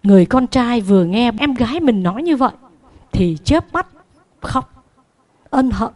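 A Buddhist nun telling a moral story to children in a sermon, animated and swinging in loudness and pitch. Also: female voice, normal speed.

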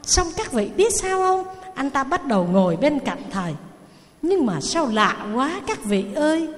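Buddhist nun, lively storytelling sermon, high voice, long hall reverb. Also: female voice, moderate pace. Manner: animated, addresses the audience directly.

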